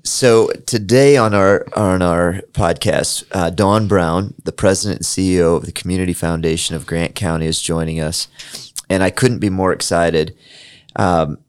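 A man's voice: deep voice, fairly even intonation, moderate pace, smooth, no echo. A man hosting a local podcast, talking casually with a lot of "uh" and "um" fillers. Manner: easygoing, many fillers. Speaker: podcast host. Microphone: studio microphone.

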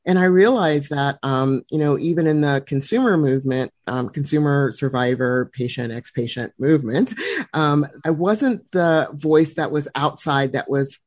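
A soft-spoken woman who laughs often, reflecting aloud and leading a group discussion. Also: low-pitched, moderate pace, no echo, clean studio sound. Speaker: discussion facilitator.

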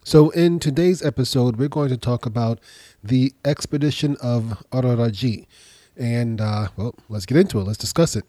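Slightly nasal man with a dry, dark voice. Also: mid-range voice, dry recording. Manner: explanatory, pausing to rephrase and repeat. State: getting over a cold. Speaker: podcast host. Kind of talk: informal history storytelling lecture.

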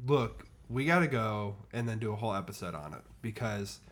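A man co-hosting a podcast in casual chat, excitable and joking, swearing freely. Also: on the low side, fairly quick. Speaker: podcast co-host.

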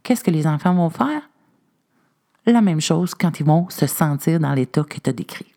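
A woman's voice: low-pitched, a little slow. A woman with a Québécois French accent giving parenting advice in casual conversation, acting out short scenes of what a parent might say. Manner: animated, acts out little scenes of what parents can say. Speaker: parenting expert guest.

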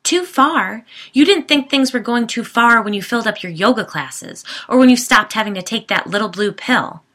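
Lady doing a touchy yogi wife, defensive, low gravelly voice. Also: moderate pace. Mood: angry. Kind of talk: audiobook character voice.

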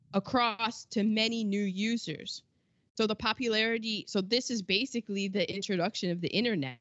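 A woman in her forties with a mid-range, fairly bright voice co-hosts a podcast, casually reading out history notes about past events. She's chatty, tossing in quips and acting out little quotes. The recording is dry and lo-fi.

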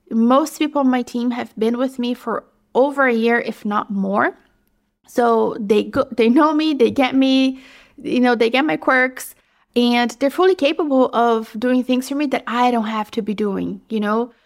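Chatty woman podcaster, a bit breathless. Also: a little high. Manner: chatty, frequent fillers like "you know". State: slightly out of breath. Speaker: podcast host. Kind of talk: casual solo podcast monologue.

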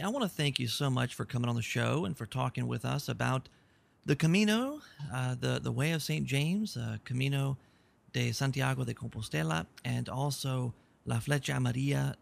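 Gravelly-voiced man hosting a podcast. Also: mid-range voice, moderate pace. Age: 40s. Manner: rambling, thankful, many restarts. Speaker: podcast host. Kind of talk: casual podcast chat.

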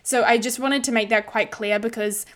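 A woman's voice: a little high, fairly even intonation, normal speed, fairly bright tone. A woman hosting a casual solo podcast, chatting in an informal, sweary, playfully dramatic way with rain behind her. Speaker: podcast host. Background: heavy rain.

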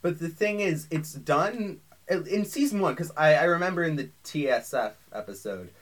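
A man's voice: a little high, expressive, normal speed, slight background noise. A young man co-hosting a podcast, chatting casually and rambling off on tangents. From Ireland. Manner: rambling, full of restarts and tangents. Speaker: podcast co-host. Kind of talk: casual chat.

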